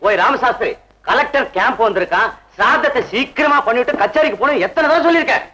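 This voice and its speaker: An actor playing a brusque, busy official who dismisses a priest, in an old film. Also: male voice, very high-pitched, animated, fast, bright, forceful tone, lo-fi sound, full character voice. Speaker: official employer.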